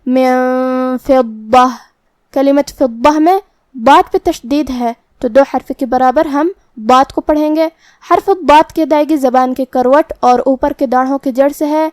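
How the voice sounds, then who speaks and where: A woman with a high, clear voice teaches Quran recitation rules and explains each letter's pronunciation step by step. The recording is dry and close, with no room sound. Her delivery is patient and careful, like a teacher's. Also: steady tone, a little mellow, no room sound. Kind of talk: tajweed lesson with slow recitation.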